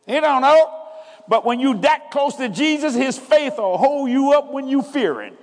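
Man, very high voice, sermon, call-and-response emphasis, long reverb. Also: animated, moderate pace. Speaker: preacher.

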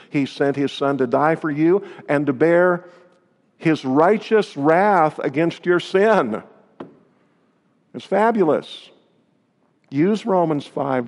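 A man's voice: a little high, darkish tone. Earnest male preacher in a reverberant hall. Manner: earnest, emphatic, asks rhetorical questions. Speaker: pastor. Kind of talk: sermon with scripture reading.

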